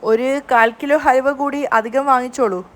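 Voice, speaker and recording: A woman's voice: high-pitched, fairly even intonation, normal speed, natural voice. A woman reading the lines of a good-humoured middle-aged man who jokes with his brother-in-law. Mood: playful. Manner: playful, joking.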